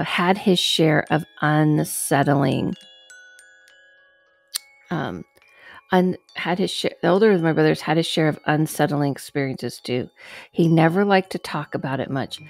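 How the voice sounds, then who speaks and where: Her voice sits low and sounds creaky and slightly mellow as this host, a woman in her thirties, reads a guest's paranormal tale. She goes at a slow, measured pace with offhand asides, working close to a headset and studio mic in a dimly lit room.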